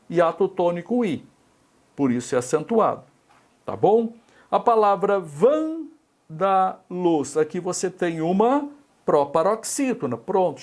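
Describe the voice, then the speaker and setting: This exam-prep grammar lesson comes from a middle-aged Brazilian man whose voice is on the high side and a little mellow. He has a Brazilian Portuguese accent and breaks things down step by step, using tag questions to check in.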